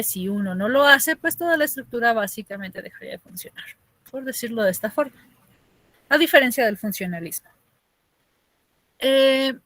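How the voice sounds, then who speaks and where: A woman's voice: a little high, fairly bright tone, no echo. A woman from Mexico City with a chilango accent, teaching an online class in a chatty way, asking her students questions and laughing often.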